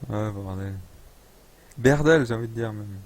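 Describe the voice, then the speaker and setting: A man's voice: on the low side, a little mellow. A young man live-streaming a game, chatting casually, reading chat aloud and joking around with playful accent attempts. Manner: rambling, reads chat aloud, jokes and tries out accents.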